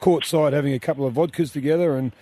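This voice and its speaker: A man's voice: on the high side, fairly even intonation, fast, mellow, no echo. A man hosting a radio interview, hesitant and full of fillers. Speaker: radio host.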